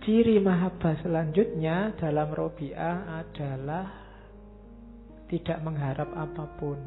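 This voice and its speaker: Gravelly man lecturing. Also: on the high side, slow pace. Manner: conversational, asks the audience rhetorical questions, homely examples. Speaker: philosophy lecturer. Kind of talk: casual religious philosophy lecture. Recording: tinny lo-fi recording with faint music behind.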